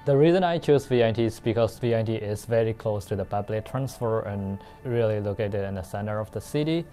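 Student from Myanmar, man, low mellow voice. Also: fairly quick, faint music behind. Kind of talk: promotional testimonial.

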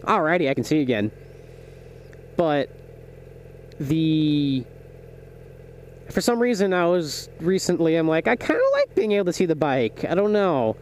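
Riding his motorcycle outdoors, a young man chats casually with viewers through a small mic in his helmet, thinking aloud and correcting himself. His fairly high voice is expressive and measured, with frequent pauses, while loud engine, wind and road noise fill the recording.

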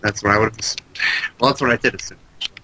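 A congested man co-hosts a let's play, tossing out joking, profane commentary while gaming with a friend. His voice is lowish with fairly even intonation and a racing pace. A crowd is audible behind him, along with loud keyboard clicking.

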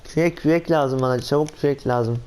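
A man giving casual, excitable commentary on his own gameplay, talking to himself and exclaiming often. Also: medium pitch, a little fast, smooth. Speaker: gaming channel host.

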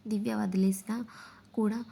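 A woman with a Telangana Telugu accent narrating an entertainment news recap in a breathy, half-whispered delivery, acting out the quotes. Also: mid-range voice, flat delivery, normal speed, dark tone.

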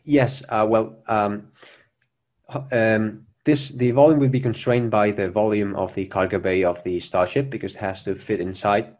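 A young man with a fairly low voice takes questions after his talk over a video call. He answers earnestly but haltingly, full of "uh" and "um" and restarted phrases. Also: fairly even intonation, darkish tone. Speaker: presenter of a Mars mission plan. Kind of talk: conference Q&A answers.

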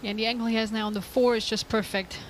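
A woman's voice: on the high side, steady tone, fast, a little hiss or hum, poor audio. A woman co-commentating on a pool match in an upbeat way, laughing easily while explaining technique. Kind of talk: live sports commentary.

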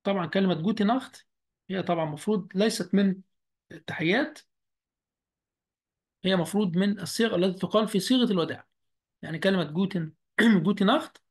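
A man with an Egyptian Arabic accent, teaching a beginner German lesson over a video call. He speaks slowly and repeats each word deliberately. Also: high-pitched. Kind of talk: online language lesson.

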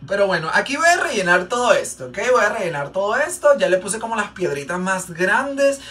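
The speaker is a makeup vlogger with a Mexican Spanish accent, rambling casually through gossip as he applies makeup, with many fillers and repeats. His high, pushed, bright voice moves fairly quickly with big pitch swings, and the distant mic picks up faint background noise.

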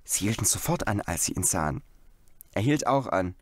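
A man's voice: lowish voice, very animated, normal speed, dry recording, clean studio sound. A man reading a children's audiobook aloud as scripted narration, telling the story expressively. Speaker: audiobook reader.

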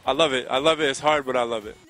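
Over loud music, a soca singer in his thirties gives an outdoor riverside interview, speaking rapid-fire in a medium-pitched voice with fairly even intonation. He has an American accent, is from Connecticut, United States, and answers earnestly and conversationally into a handheld microphone held close to his mouth.

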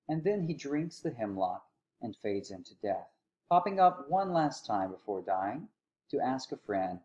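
A man giving a recorded philosophy lecture, telling the story in a lively way and acting out quotes with sarcasm. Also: on the low side.

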